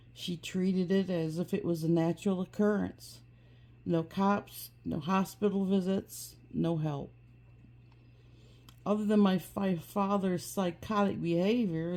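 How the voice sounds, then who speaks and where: Woman, personal memoir narrator, unhurried, somber, warm low voice. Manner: slow, soft and somber, with occasional restarts. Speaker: personal storyteller.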